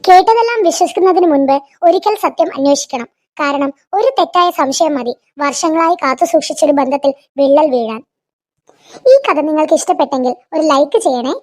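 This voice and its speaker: A woman narrating a family moral story in a scripted, even storytelling manner. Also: high-pitched, brisk.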